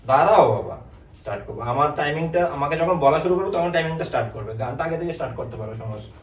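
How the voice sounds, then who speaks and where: A man's voice: fairly high pitch, animated, rapid-fire. A man running a family game, joking and protesting as he talks. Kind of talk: casual family banter. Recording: echoey room, far mic, background noise.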